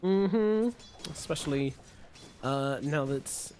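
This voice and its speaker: A man casting an esports match, jokey and given to loud bursts of excitement. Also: fairly high pitch, slow pace, a little hiss or hum. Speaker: esports caster. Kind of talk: play-by-play commentary.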